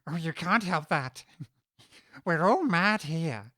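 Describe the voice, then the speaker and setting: An actor playing a sly, grinning cat who chuckles between lines in a playful drawl, for a full-cast audiobook. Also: male voice, on the high side, lively intonation, slow pace, bright, forceful tone, no room sound, clean studio sound, exaggerated voice. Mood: amused, teasing. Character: grinning, teasing Cheshire Cat, sly and amused.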